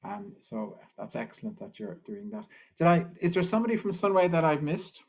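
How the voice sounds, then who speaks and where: A man's voice: on the high side, very animated, a little fast, gravelly, a little mellow. A man moderating an online panel over a video call, friendly and informal, talking in a loose, rambling way. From Ireland.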